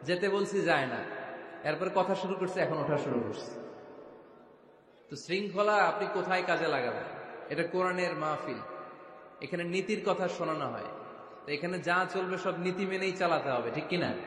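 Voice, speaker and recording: A man delivers a sermon at a large gathering, pausing to scold listeners who will not sit still. He keeps asking the crowd questions and makes them answer. His slightly high voice booms through speakers with a long, echoing tail. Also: fairly bright tone. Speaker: Islamic preacher. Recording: echoey public-address sound in a large venue.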